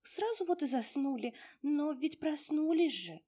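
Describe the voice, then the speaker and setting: A woman's voice: high voice, expressive, a little slow, mellow, pitched above the performer's own voice. A woman voicing a fussy little house-spirit granny. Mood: fussing. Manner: folksy, doting, exclamatory.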